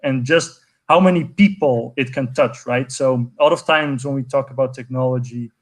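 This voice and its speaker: A Portuguese man in his twenties, a network co-founder, appears as a guest on a video call giving a conversational interview answer. He talks enthusiastically at normal speed in a medium-pitched voice, with many fillers and restarts.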